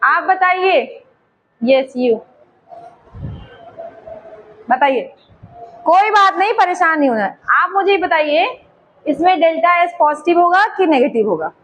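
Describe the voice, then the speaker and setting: Woman teacher, very high voice, eastern Uttar Pradesh Hindi accent, teasing, coaxing questions, classroom lesson. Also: lively intonation, moderate pace, a bit bright, poor audio.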